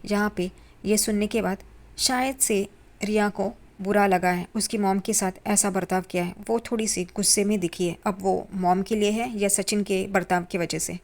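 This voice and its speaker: Woman, mid pitch, casual conversational recap of a drama episode, slips the characters' lines into her retelling. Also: steady tone, normal speed. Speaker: TV serial recap narrator.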